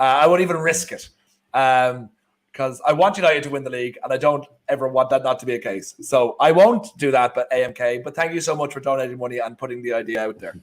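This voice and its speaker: A man with an Irish accent and a mid-range, slightly bright voice co-hosts a live football watchalong. He chats casually about the match, rambling and often restarting his sentences.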